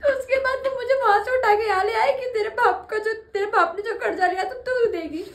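A woman's voice: very high voice, brisk. A woman acting a frightened, crying young woman who pleads to be taken away, in a staged street video. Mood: pleading. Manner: tearful, pleading.

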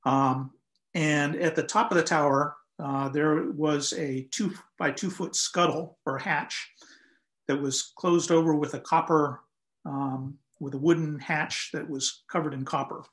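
A man's voice: fairly high pitch, steady tone, fairly bright tone. Older man explaining history on a video call. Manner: measured, explanatory, frequent "um" and "uh". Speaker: lighthouse historian guest. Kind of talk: conversational historical account. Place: home room, indoors.

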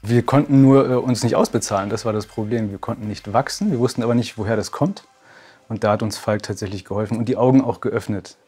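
A man's voice: on the low side, fast, darkish tone, breathy edge. A man in his forties, a martial arts school owner, speaking plainly and upbeat in a testimonial interview. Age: 40s. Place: bright room with curtains, indoors.

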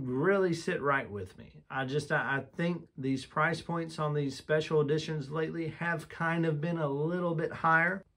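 A man's voice: fairly high pitch, a bit bright. A man reviewing a collectible lighter in a casual vlog, talking candidly and with enthusiasm, often restarting his sentences. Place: room with shelves of lighters on display, indoors.

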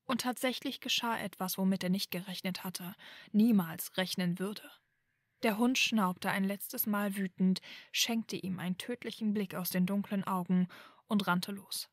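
Calm woman reading a story, dry sound. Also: mid-range voice, unhurried, dry recording. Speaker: narrator. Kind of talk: fan fiction audiobook reading.

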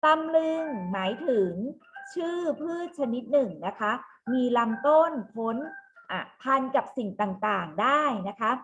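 A woman teacher running an online class for young children, slowly and clearly spelling out words. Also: a little high, very animated. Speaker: primary school teacher. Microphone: video call.

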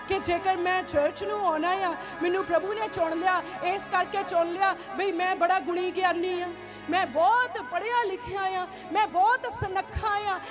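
A woman pastor delivers a fervent sermon in a very high voice. She builds her points through repeated rhythmic phrases. Music plays clearly beneath her. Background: music playing under the speech.

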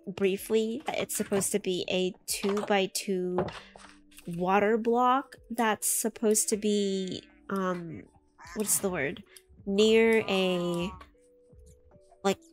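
A young woman chatting casually through a game, easily startled, often yelping and screaming in alarm. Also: medium pitch. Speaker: gaming YouTuber. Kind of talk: casual let's play commentary. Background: soft background music.

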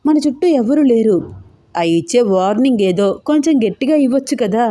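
A woman's voice: a little high, animated, brisk, dark tone, no room sound, studio quality, natural voice. Woman doing a teasing young fiancé. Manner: playful, teasing.

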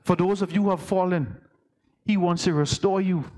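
A man's voice: high voice, moderate pace, a little mellow. A man with a Bahamian accent, an elder preaching a conversational sermon and asking the congregation questions.

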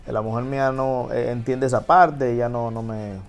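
A Dominican man in his thirties, a DJ and TV host appearing as a guest, rambles easily through his story in a casual interview, often restarting sentences. He speaks at a moderate pace and an everyday middle pitch with a Dominican Spanish accent, faint music playing in the studio background.

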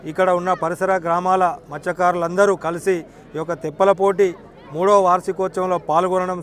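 A man speaks in a fairly high voice outdoors. He talks formally to reporters in long, flowing sentences. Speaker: local community speaker. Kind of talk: formal statement to the press. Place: outdoors at a lakeside event.

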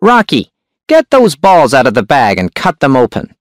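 A man voicing a shrewd, menacing hunchback crime boss with a sharp, high voice. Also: wildly swooping pitch, normal speed, no room sound, clean studio sound.

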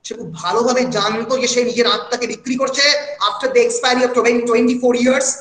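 Man, high voice, literature lecture, many "uh" fillers, roomy echo. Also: steady tone, normal speed, fairly bright tone. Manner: recites quotations with feeling. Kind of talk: online lecture mixing Bengali and English.

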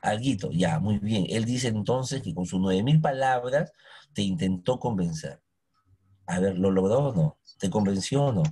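Male history teacher, husky, coaxing, full of questions. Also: on the low side, animated, moderate pace, dark tone. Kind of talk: recorded history lesson.

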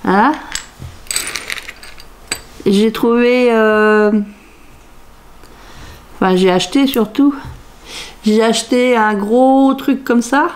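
A woman's voice: fairly high pitch, fairly even intonation, extremely slow, pauses often. Musing, sing-song middle-aged woman. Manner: musing aloud, sing-song repeated phrases while searching. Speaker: crafts vlogger. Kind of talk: casual talk to camera showing craft-fair purchases. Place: home craft room, indoors.

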